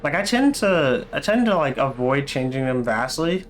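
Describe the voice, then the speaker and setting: A man's voice: medium pitch, sing-song, moderate pace, slight background noise. A young man livestreaming gameplay, rambling casually, correcting himself mid-sentence and swearing now and then. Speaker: livestreamer playing a video game.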